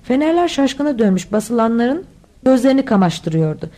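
A woman narrating an audiobook with a mellow, warm tone and a voice pitched a little high for a woman. She reads steadily and dips lower when she does the characters. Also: sing-song, moderate pace. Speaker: audiobook reader.

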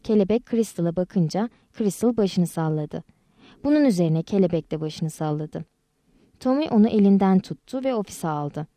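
A woman narrating an audiobook in an even, measured reading style. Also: lowish voice, dry recording. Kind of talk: scripted storybook narration.

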